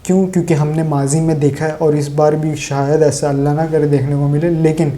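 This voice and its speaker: A man's voice: fairly high pitch, little pitch movement, warm tone, slight background noise. A man from Pakistan delivering sarcastic, opinionated solo political commentary straight to his viewers.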